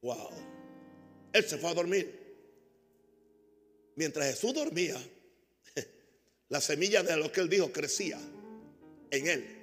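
A high-pitched male pastor delivers a sermon, calling out lines for the congregation to repeat. He shifts between loud, emphatic bursts and quiet, almost muttered asides. The voice rings out in a reverberant hall with soft instrumental music underneath. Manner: preaching with call-and-response to the congregation.

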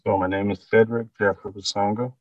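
A man from Switzerland, a guest on a talk show, briefly introducing himself in a relaxed way over a remote call. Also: on the low side, fairly quick, no echo, distant mic, dull audio. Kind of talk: casual interview.

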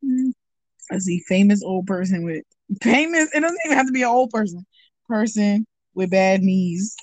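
A woman's voice: medium pitch, animated, moderate pace, no room sound. A young woman co-hosting a casual chat, joking and laughing often. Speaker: podcast co-host.

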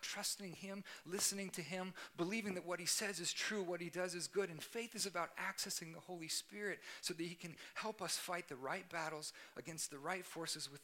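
A man's voice: sits high, normal speed, few pauses, sharp tone. A young man giving an earnest sermon as youth pastor, stressing points by repeating them. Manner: earnest, emphatic, repeats key phrases. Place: church youth service.

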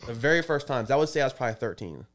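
A man's voice: medium pitch, sing-song, rapid-fire, a bit bright. A man in his thirties co-hosting a podcast, telling rambling stories and swearing freely in casual chat. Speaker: podcast co-host.

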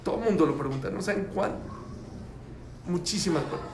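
A man with a high voice teaches a religious class at a fairly quick clip, speaking emphatically, repeating key phrases, and putting questions to his students. The room is echoey, with faint background noise.

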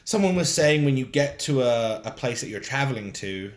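A man co-hosting a casual podcast, telling stories in an animated way, with big swings in pitch and loudness. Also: moderate pace. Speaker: podcast co-host. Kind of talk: casual chat on a live podcast. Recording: roomy echo.

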